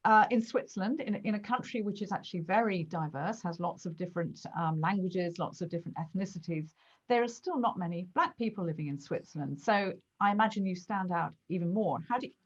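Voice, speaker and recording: A woman's voice: medium pitch, lo-fi sound. Effusive woman hosting an author interview. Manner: effusive, emphatic. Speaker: interviewer and host. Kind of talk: enthusiastic interview.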